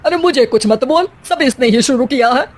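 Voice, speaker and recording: A woman voicing a bossy, bickering middle-aged mother-in-law who scolds dramatically in an animated family comedy story. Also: high-pitched, fairly quick. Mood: irritated, bossy. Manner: scolding, dramatic, sharp-tongued.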